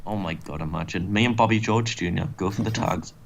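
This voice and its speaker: A man's voice: deep voice, a little fast, creaky, slight background noise. A man hosting a let's play, giving casual, joking commentary on a wrestling game. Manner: joking, wry.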